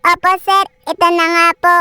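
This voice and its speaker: A woman's voice: very high-pitched, level tone, moderate pace, sharp tone, slight background noise. A woman voicing a naive, cheerful young servant who answers politely and stammers when nervous. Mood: flustered. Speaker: creator voicing the heroine.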